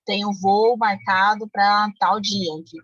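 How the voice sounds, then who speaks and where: A woman's voice: mid-range voice, flat delivery, unhurried, dull audio, noisy background. A woman teaching a Portuguese grammar lesson online, explaining step by step with frequent checks on her listeners. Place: home, car noise outside.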